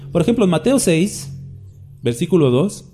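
A man's voice: sits high, sing-song, moderate pace, warm tone, faint music behind. A man preaching a sermon in a conversational way, often asking the listeners questions and acting out quoted voices. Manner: acts out quoted voices for examples.

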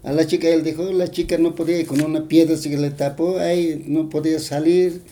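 A man's voice: fairly high pitch, little pitch movement, a little fast, warm tone, slight background noise. A man with a Bolivian Spanish accent, retelling a folk tale in an interview, rambling and full of fillers and tag questions.

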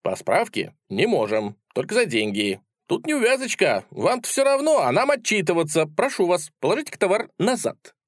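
A man doing a shrill fussy shop clerk. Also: very animated, moderate pace, few pauses, no room sound, studio quality. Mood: officious.

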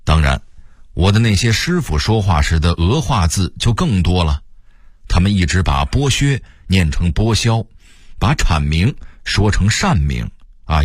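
Older Beijing man, radio storyteller, lively intonation, chatty. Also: low voice, husky, no echo, studio quality.

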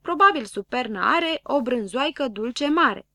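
A woman's voice: sits high, expressive, bright, forceful tone, dry recording, pitched above the performer's own voice, full character voice. A woman voicing a naive, boastful little boy-like character from a storybook who makes up silly rhymes. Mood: eager.

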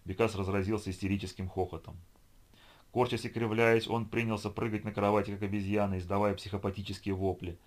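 A man narrates an audiobook in a steady, measured way. His voice sits on the low side. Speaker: audiobook reader.

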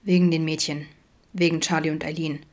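A woman voicing a guarded, introverted middle-aged father who mumbles in a low, quiet way, in an audiobook. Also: little pitch movement, a little fast, natural voice.

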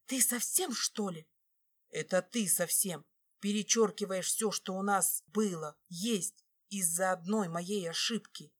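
A woman reading an audiobook voices a remorseful adult husband who begs his wife in a lowered voice, then whispers to her. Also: a little slow, natural voice. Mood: indignant.

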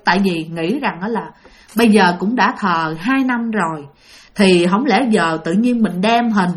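A woman telling a ghost story in a casual, chatty way and addressing listeners directly. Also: mid-range voice.

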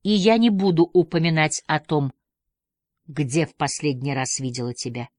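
A woman's voice: sits low, animated, normal speed, a little mellow, dry recording. A woman voicing an exasperated, sarcastic woman talking on the phone. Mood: weary. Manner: weary, sarcastic.

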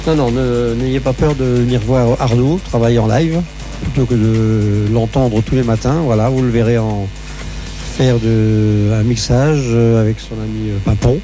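A man's voice: medium pitch, fairly even intonation, normal speed, dark tone. Man chatting casually over faint music. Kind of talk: casual radio chat. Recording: faint music bed behind studio talk.

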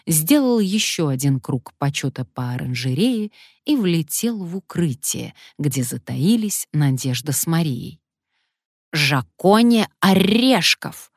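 A woman narrating an audiobook in a measured, expressive reading. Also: sits low, dry recording, clean studio sound. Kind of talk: scripted narration.

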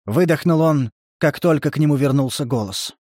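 In a close, dry recording with no room sound, a male narrator reads literary prose in a calm, even way. His voice sits a little higher than most men's.

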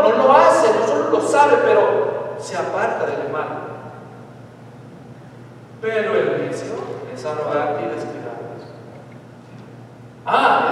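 A high-pitched man preaches a lively sermon, peppering his congregation with questions and acting out short exchanges. The mic sits far off, so his voice rings through a big hall with a long echo tail. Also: a little hiss or hum. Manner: animated, asks the congregation questions and acts out voices. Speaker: pastor. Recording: echoey hall miked from far off.

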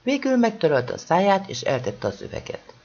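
An audiobook narrator reading a humorous story aloud, telling it with lively energy. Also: mid-range voice, muffled recording.

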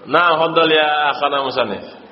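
A man teaching an Arabic grammar class, coaxing students slowly through repeated drills. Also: a little high. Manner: slow, coaxing, repeats phrases to students, mixes Indonesian and Arabic. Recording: echoey hall, dull lo-fi sound, faint noise.

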